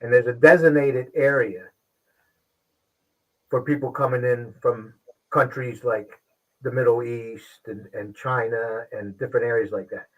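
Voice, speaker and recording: Halting man hosting a livestream. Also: medium pitch, steady tone, phone-quality sound. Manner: halting, pauses and restarts often. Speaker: livestream show host. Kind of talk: casual live-stream talk.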